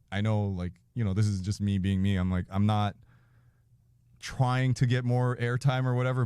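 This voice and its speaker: Low-voiced man telling a rambling story. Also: a little mellow, smooth, no room sound, clean studio sound. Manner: profane, rambling, acts out quotes, laughs mid-sentence. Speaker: podcast guest. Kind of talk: casual anecdote-telling.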